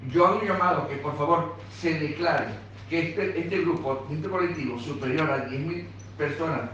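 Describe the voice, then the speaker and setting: A man's voice: on the high side, normal speed, a bit bright, lo-fi sound. A man representing a pensioners' association, making an earnest, insistent public appeal. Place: meeting room in parliament. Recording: echoey room, recorded from far off, noisy.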